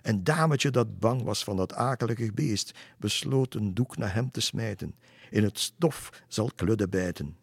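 A man's voice: fairly low pitch, measured pace, gravelly, slightly rough, no echo, pitched above the performer's own voice, full character voice. A man voicing a chorus of mocking forest animals in a storybook reading, chanting in a sing-song way.

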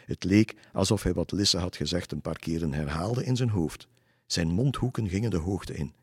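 A man reading a children's story aloud as narrator, calm and measured. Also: low-pitched, slightly rough, dry recording, clean studio sound.

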